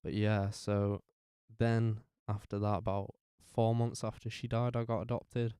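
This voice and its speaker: A tired young man, telling his life story to camera in a halting way, full of fillers and restarts. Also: lowish voice, little pitch movement, dark tone, smooth, no room sound, clean studio sound. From North West England. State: tired, up very early. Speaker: vlogger.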